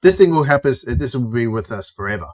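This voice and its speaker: A man's voice: mid-range voice, expressive, fast. A middle-aged Australian man co-hosting a casual podcast chat, telling stories, acting out other people's lines and swearing casually. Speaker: podcast co-host.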